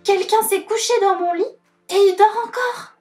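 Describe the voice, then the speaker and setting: A woman voicing a little boy bear cub with a high, whining voice in a storybook reading. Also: moderate pace, darkish tone, faint music behind.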